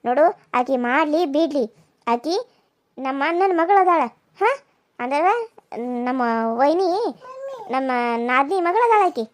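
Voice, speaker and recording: A woman voicing a domineering older village mother-in-law, who scolds and taunts slowly. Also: high voice, expressive, no echo. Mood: commanding. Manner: scolding, insulting, drawn-out taunts. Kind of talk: cartoon voice acting.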